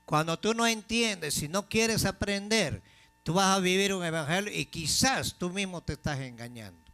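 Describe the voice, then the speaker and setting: A man preaching a sermon as pastor, asking the congregation questions and slowing down to stress key phrases. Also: sits high, lively intonation, bright, forceful tone, faint music behind. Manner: call-and-response questions to the congregation.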